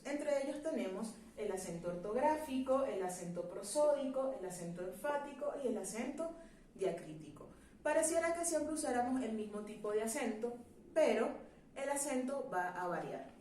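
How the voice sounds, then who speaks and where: A woman teacher explaining a grammar lesson in a clear, measured classroom manner, asking rhetorical questions. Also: a little high, a little mellow, reverberant, far from the mic, a little hiss or hum.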